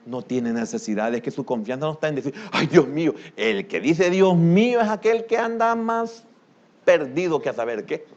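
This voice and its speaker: An older man preaching a sermon as pastor, with a Salvadoran Spanish accent, who bursts into loud exclamations and then drops to a low murmur. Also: animated, normal speed, muffled recording.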